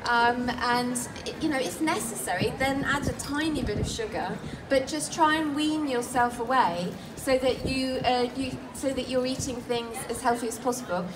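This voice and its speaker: An English nutritionist with a high-pitched voice gives a live cooking demonstration at an outdoor festival stall, speaking at a moderate pace with few pauses. She's chatty and explanatory, full of ums and restarts. A far camera in the crowd captures her distant voice through the PA amid outdoor noise.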